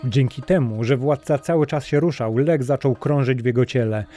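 A self-assured healer who answers every doubt evenly and never hurries, as a male narrator puts him on. His tone is mellow, with faint music underneath. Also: mid-range voice, moderate pace, lightly acted. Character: calm, confident wandering male physician.

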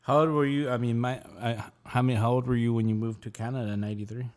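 A man's voice: mid-range voice, fairly even intonation, fast, a little mellow. Guy hosting a podcast, medium voice, long winding questions, lots of restarts. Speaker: podcast host. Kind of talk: casual interview talk.

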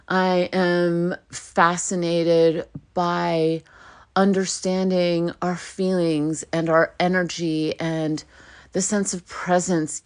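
A middle-aged American woman hosts her own solo podcast in a fairly low voice, speaking earnestly and reflectively. She grows animated whenever she acts out what other people say.

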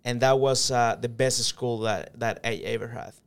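Earnest man, smooth gravelly voice. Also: mid-range voice, steady tone, moderate pace. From El Salvador. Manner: earnest, reflective, with hesitant fillers. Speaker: interview guest, company manager. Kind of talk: casual interview storytelling.

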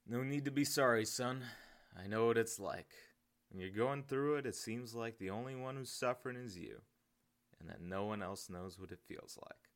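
A man voicing a kindly, thin, balding old man who talks gently and soothingly. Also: mid-range voice, moderate pace, pitched above the performer's own voice, close to an everyday voice. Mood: consoling.

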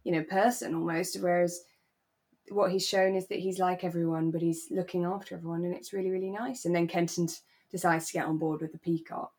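Talking fairly quickly in a lowish voice, the woman co-hosting this podcast discusses a radio drama, calm and thoughtful. Phrases get repeated for emphasis.

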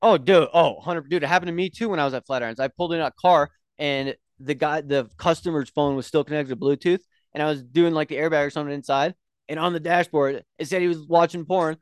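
A young man co-hosting a casual podcast chat, telling animated stories and swearing freely. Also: fairly high pitch, fast talker, smooth, dry recording. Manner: animated storyteller, swears freely, acts out quotes. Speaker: podcast co-host.

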